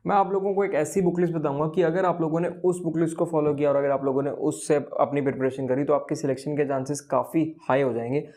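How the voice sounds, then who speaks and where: A man's voice: a little high, steady tone, fast talker, hardly any pauses, mellow. A young man giving exam preparation advice as a tutor, earnest and repeating his promises.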